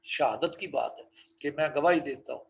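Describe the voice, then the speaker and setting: A man giving a religious lesson on correct prayer pronunciation, slowly drawing out recited phrases and correcting common mistakes. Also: on the high side, gravelly, low-quality recording. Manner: slow drawn-out recitation of Arabic phrases between explanations; corrective, instructive tone. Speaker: religious teacher.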